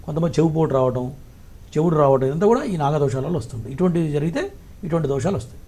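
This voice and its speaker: In a call-in advice format, a male astrologer bluntly lectures callers and tells them what to do. His high voice is animated, mellow and husky, and his delivery is rapid and clipped.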